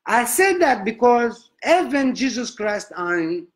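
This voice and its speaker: A man doing a booming Nigerian prophet. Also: big pitch swings, takes it slowly, full character voice. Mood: preaching. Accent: Nigerian English. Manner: broken English, declaiming sermon. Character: pompous preaching male prophet, booming and solemn. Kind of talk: comic sermon.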